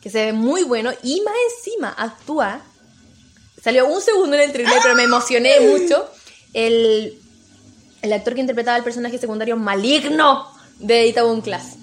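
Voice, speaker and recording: A young woman with a Chilean Spanish accent co-hosts a relaxed podcast, her voice pitched high. A sore throat gives her a slight roughness. She is playful and teasing and laughs easily. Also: normal speed. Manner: playful, laughs often, sings snippets. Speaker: podcast co-host. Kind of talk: casual chat.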